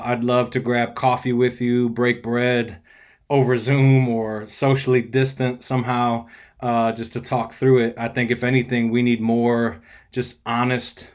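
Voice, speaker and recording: A man, a pastor, sharing thoughts in a casual video message, slightly out of breath and earnest, talking in a halting way with many fillers. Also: mid-range voice, clean tone.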